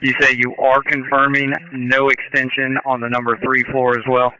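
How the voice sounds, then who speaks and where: Male fireground commander on two-way radio. Very bright, forceful, crisp voice, clipped procedural delivery, band-limited sound. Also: mid-range voice, completely flat delivery, moderate pace, dry recording, muffled recording. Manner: clipped, procedural, repeats back to confirm. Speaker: fire incident commander on radio.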